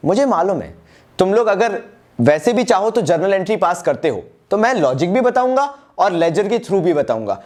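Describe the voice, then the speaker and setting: Brief: Indian man, commerce tutor, high-pitched and chatty, quizzes students then answers himself. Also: sing-song, moderate pace, a little mellow. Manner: chatty, calls students "yaar" and "bhai", asks and answers his own questions; calls himself "Baba ji". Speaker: commerce teacher. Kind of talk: online accounts lesson.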